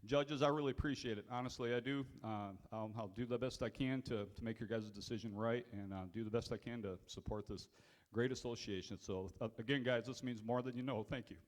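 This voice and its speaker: A man who is an auctioneer, giving a speech and then calling bids in a fast rhythmic chant at an event. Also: medium pitch, steady tone. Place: event hall.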